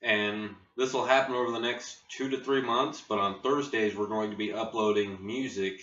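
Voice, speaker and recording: An American man with a lowish voice talks casually to his channel, rambling at an unhurried pace. He sounds set back from a built-in laptop mic in an echoey garage, slightly muffled. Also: steady tone, a bit bright. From Ohio, United States. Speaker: video blogger, channel host. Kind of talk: casual vlog chat. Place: home garage. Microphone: built-in laptop camera microphone. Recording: roomy, distant, muffled laptop mic with faint noise.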